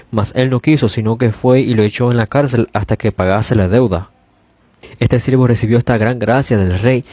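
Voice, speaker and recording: A man's voice: medium pitch, warm tone, dry recording. A man preaching a sermon, retelling a parable in an earnest storytelling manner with much repetition.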